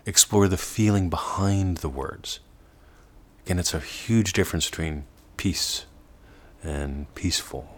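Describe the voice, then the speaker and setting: A man giving a meditative self-development lesson, drawing words out slowly and often half-whispering them. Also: deep voice. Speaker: teacher.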